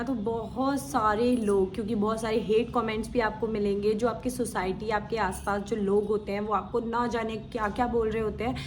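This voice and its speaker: A woman YouTuber talking casually and encouragingly to her viewers. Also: on the high side. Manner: chatty, encouraging, direct address to viewers. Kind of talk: casual vlog talk to viewers.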